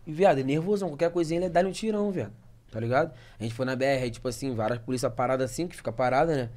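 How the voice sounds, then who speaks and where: A man's voice: medium pitch, racing, a little mellow. A young man, a podcast guest telling a story in rambling, slangy casual talk and laughing often.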